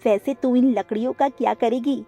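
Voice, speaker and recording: A woman's voice: on the high side, fairly even intonation, normal speed, dark tone, soft background music. A woman voicing a young boy sparrow in a cartoon, caring and apologetic toward his sister. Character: gentle young boy sparrow, little brother.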